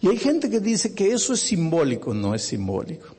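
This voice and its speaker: Husky, animated male preacher. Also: sits high, brisk. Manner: dramatic storytelling, emphatic. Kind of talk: sermon.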